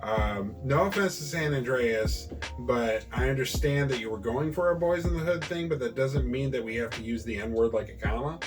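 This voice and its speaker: A man's voice: medium pitch, moderate pace, hardly any pauses, music in the background. A man co-hosting a gaming podcast, chatting casually, joking and swearing freely. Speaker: podcast co-host.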